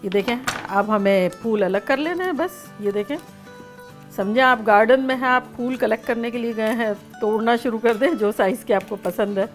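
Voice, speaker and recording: A chatty, playful woman walks through a home recipe in a fairly high voice. Soft music and a sizzling pan sit behind her as she talks. She keeps an easy, homey tone throughout. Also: normal speed. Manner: chatty, playful, sings snatches of songs. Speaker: cooking show host. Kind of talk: home cooking demonstration.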